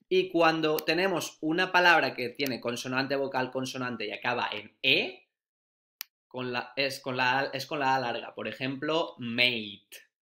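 A male primary school teacher giving a phonics lesson, slowly sounding out and repeating letter sounds. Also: mid-range voice, sharp tone.

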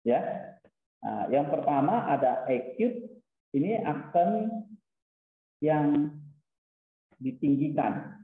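A man's voice: fairly high pitch, animated, very slow, long pauses. A man teaching a lesson in a casual way, explaining step by step and dropping in English terms. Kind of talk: casual classroom lecture. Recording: tinny phone-like, roomy echo.

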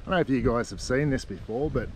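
A man in his forties with an Australian accent, chatting casually through a camping and sailing vlog, relaxed, with plenty of ums. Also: mid-range voice, fast. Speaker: vlogger. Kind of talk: casual outdoor vlog narration. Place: outdoors on a windy tropical beach. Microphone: action camera held at arm's length. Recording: wind noise from outdoors. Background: wind and lapping water.

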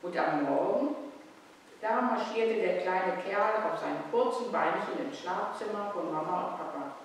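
An author reading their own bedtime story aloud on stage at a literary café, in a measured storybook way. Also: medium pitch, slight background noise. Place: stage in a hall, live event. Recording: echoey hall from far off.

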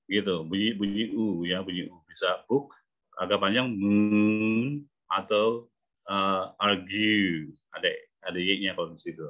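A man coaching English pronunciation in an online class, explaining patiently and sounding out example words slowly. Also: deep voice, fairly even intonation, sharp tone. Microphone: video call. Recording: muffled video-call audio.

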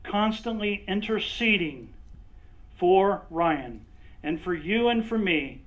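A man's voice: high voice, animated, takes it slowly, fairly bright tone. A male pastor preaching a conversational sermon, drawing on listeners by name and checking in with frequent "right?". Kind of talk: sermon with acted-out role-play. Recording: dull lo-fi recording.

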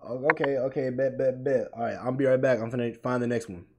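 A man's voice: medium pitch, fairly even intonation, quick pace, crowd noise. A man hosting a live video date stream, teasing and talking in slang. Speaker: stream host. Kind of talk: casual stream banter.

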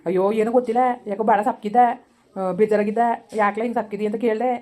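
A woman's voice: mid-range voice, fairly even intonation, rapid-fire, warm tone, close to an everyday voice. A woman playing a blunt, scolding village woman. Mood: reporting. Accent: rural Kannada dialect. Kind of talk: village comedy skit.

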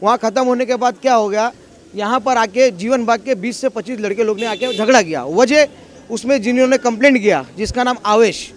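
A local man in a street interview, talking insistently and with grievance. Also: extremely high pitch. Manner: aggrieved, insistent. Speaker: local resident.

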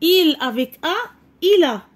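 A woman's voice: high voice, animated, slow. A woman teacher, sounding out French syllables one by one for young pupils and explaining in Arabic. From Morocco. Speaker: primary school French teacher. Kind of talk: slow syllable-by-syllable reading lesson.

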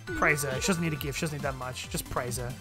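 A man's voice: mid-range voice, fast talker. A man playing through a video game, commenting brashly and swearing as he trash-talks the characters. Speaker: gaming video host. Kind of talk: profane let's-play commentary. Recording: game music playing behind voice. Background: video game music and sounds.

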